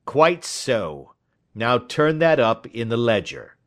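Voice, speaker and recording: A man voicing a gruff, hot-tempered poultry salesman in an audiobook, blustering, snappish and emphatic. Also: mid-range voice, very animated, slow pace. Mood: smugly triumphant. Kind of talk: audiobook character dialogue.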